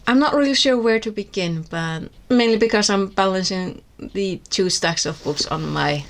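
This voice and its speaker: Seated indoors with books on her lap, an Icelandic woman whose first language is Icelandic reviews books on her vlog with an Icelandic accent. She's candid, wry and rambling, restarting often, in a medium-pitched voice at normal speed.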